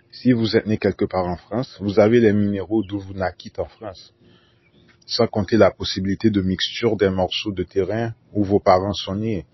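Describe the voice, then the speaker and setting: A man with a low, husky voice narrates conspiracy talk in a formal solo monologue, often repeating whole sentences and spelling words out letter by letter. The recording is dull, lo-fi, and dry.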